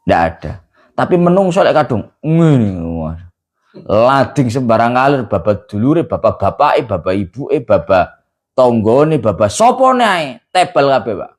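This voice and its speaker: A man with an East Javanese accent giving a casual sermon, teaching with rhetorical questions and jokes, chanting Arabic quotations slowly before explaining them. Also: fairly high pitch. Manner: folksy, addresses listeners directly with rhetorical questions and jokes. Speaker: preacher teaching a religious study circle.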